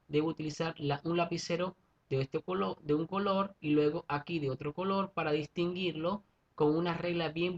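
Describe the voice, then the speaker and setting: A man's voice: on the high side, highs cut off. A man teaching a secondary school class, going through steps methodically and often checking in with his students. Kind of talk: online class explanation.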